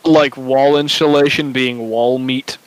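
A man's voice: mid-range voice, steady tone, measured pace, dry recording, rough recording. A young man co-hosting a casual streamed chat, joking and swearing playfully. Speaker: podcast co-host.

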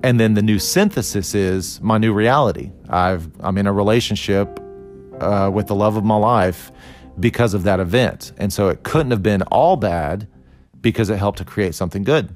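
A man's voice: fairly low pitch, normal speed, faint music behind. A man in his forties, from Costa Rica, explaining a philosophy idea in a thoughtful, conversational lecture with restarts and fillers. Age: 40s.

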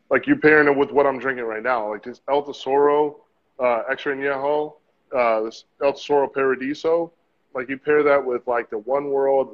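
Chill guy agreeing a lot, says "like" constantly, kinda muffled lo-fi audio. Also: mid-range voice. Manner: agreeable, fillers like "like" and "um". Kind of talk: casual chat. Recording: dull, muffled sound.

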